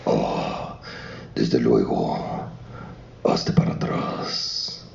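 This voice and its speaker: A storyteller voicing a huge, proud, ferocious male dragon with a deep gravelly drawl. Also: drawn-out words, a little mellow, heavily acted. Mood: boastful. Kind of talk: storytelling on a radio show. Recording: roomy lo-fi sound from off-mic.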